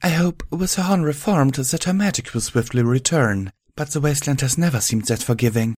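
A man voicing a refined, polite female unicorn healer in a higher, careful voice. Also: fairly quick, no echo, clean studio sound, natural voice. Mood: composed. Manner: polite, precise, gently raised voice.

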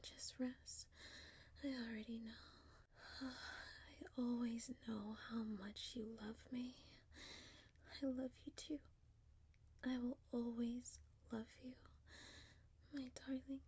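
Breathy whispering woman, slow and soft. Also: a little high, flat delivery. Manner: soft, mostly whispered, affectionate. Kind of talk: whispered intimate audio roleplay.

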